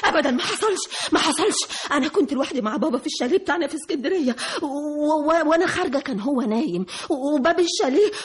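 An actress playing an unstable, defensive sister who stammers, with an Egyptian accent, in a radio drama. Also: female voice, high-pitched, lively intonation, rapid-fire, few pauses. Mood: hysterical, defensive. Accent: Egyptian Arabic. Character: Nasra, an unstable spinster sister, defensive and shrill.

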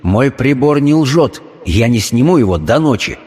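A man's voice: medium pitch, lively intonation, moderate pace, a little mellow, husky, big-room sound, voice pushed up. A man voicing a distraught middle-aged doctor and father in a spoken story, agitated and near tears. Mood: anguished.

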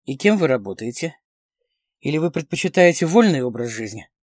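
A man reading the part of a playful, teasing woman who flirts quickly and slyly, in a dry close recording. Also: a little high, sing-song, no echo.

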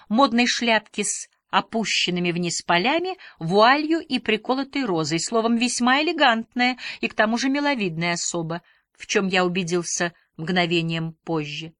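A woman reading a literary novel aloud in a measured, reflective audiobook style. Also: a little high, animated, a bit bright, no room sound. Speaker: audiobook reader.

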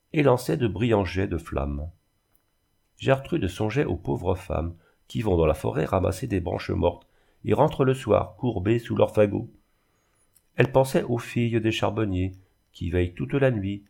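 A man reading a classic novel aloud in a measured, even storytelling manner. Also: fairly low pitch, gravelly. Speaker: reader. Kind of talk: scripted narration of a classic novel.

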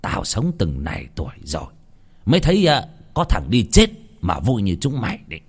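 A man voicing a gruff older village sorcerer who scolds and curses bluntly. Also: on the low side, wildly swooping pitch, normal speed, full character voice.

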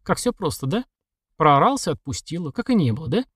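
Cast this as a blunt young woman with a sharp tongue, as a male reader puts her on. The voice sits high and moves around a lot. It is recorded dry and close, with no room sound. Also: sing-song, brisk, slightly rough, no echo, heavily acted. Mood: calm. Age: young adult. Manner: raised pitch for the girl. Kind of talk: audiobook reading.

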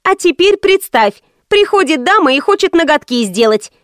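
A woman voicing a brash, sharp-tongued female hairdresser who talks quickly and scornfully. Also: high-pitched, sing-song, dry recording, clean studio sound, voice pushed up. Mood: gossipy.

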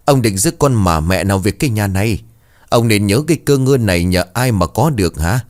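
A man's voice: low voice, lively intonation, a little fast, darkish tone. A man voicing a domineering middle-aged wife who scolds and wails at her husband. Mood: wailing. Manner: wailing, scolding.

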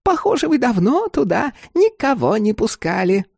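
A man reading a story aloud and voicing a greedy, sharp-tongued old woman who snaps impatiently. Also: sing-song, moderate pace, vocal fry, dry recording, studio quality, full character voice. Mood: sweetly false. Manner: shrill, snapping, impatient.

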